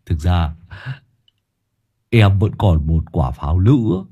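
A man's voice: deep voice, big pitch swings, slow pace, dull audio, music in the background, pitched below the performer's own voice, full character voice. A man voicing a mischievous young prankster who talks in a playful, scheming way, in a comic audio story.

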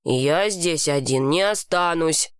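A woman reading an audiobook, voicing an earnest, hesitant boy in a lowered voice. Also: slow pace, smooth, no room sound, studio quality. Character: anxious earnest boy, Mason. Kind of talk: audiobook character voice.

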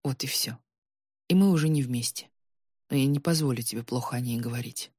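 A woman voicing a calm, guilt-ridden young man who speaks quietly and firmly. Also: very deep voice, brisk, husky, dry recording, studio quality.

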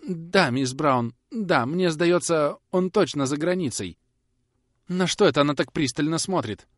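A man's voice: on the high side, expressive, measured pace, no room sound, studio quality, voice pushed up. A man playing a nervous young knife-grinder who pleads and dodges questions in a storybook reading. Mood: pleading. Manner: whining, pleading.

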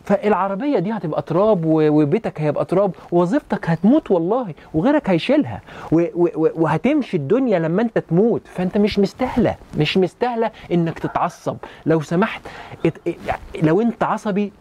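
A man's voice: high voice, expressive, mellow. A man speaking in an Egyptian Arabic accent, a doctor giving urgent, repetitive health advice to listeners. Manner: fast, urgent, lecturing, repeats points, addresses listener as "habibi". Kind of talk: rapid health talk to listeners.

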